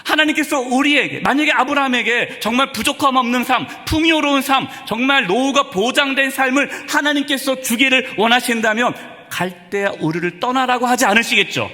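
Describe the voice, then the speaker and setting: A man's voice: very high-pitched, brisk, hardly any pauses, sharp tone. A male pastor delivering a Sunday sermon in a church, asking the congregation one rhetorical question after another. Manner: preaching with many rhetorical questions. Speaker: senior pastor. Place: church sanctuary. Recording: reverberant church hall.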